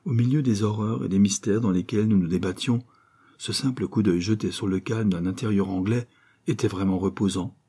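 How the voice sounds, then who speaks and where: A man narrating a classic novel as an audiobook, reading in a measured, descriptive way. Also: lowish voice, dark tone, husky. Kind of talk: scripted literary narration.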